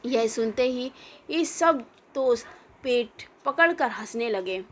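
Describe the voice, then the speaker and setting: A woman reading a comic children's story aloud in an unhurried way, with many hesitations. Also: fairly high pitch, expressive, slight background noise.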